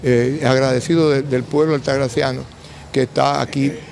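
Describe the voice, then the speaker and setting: A Dominican man in his seventies speaking in quiet grief, restrained and halting, in an interview into a handheld microphone. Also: medium pitch, fairly even intonation, gravelly, a little hiss or hum. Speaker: bereaved father giving a press statement. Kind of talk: on-camera interview. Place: covered entrance outside a building.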